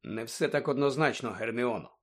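A man voicing a calm, weary adult male teacher who speaks quietly and with restraint in an audiobook. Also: mid-range voice, normal speed, close to an everyday voice. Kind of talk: audiobook character voice.

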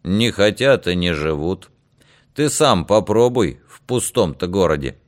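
Drawling old bar regular voiced by the narrator, easygoing and dismissive, audiobook. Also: male voice, low-pitched, lively intonation, unhurried.

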